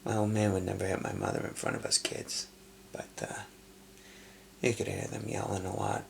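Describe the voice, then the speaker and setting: A man playing a gravelly hushed tough guy. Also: little pitch movement, normal speed, slight background noise. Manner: hushed, low confessional storytelling, often near a whisper. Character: hardened adult man from a rough Brooklyn upbringing. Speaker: actor. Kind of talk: dramatic film monologue.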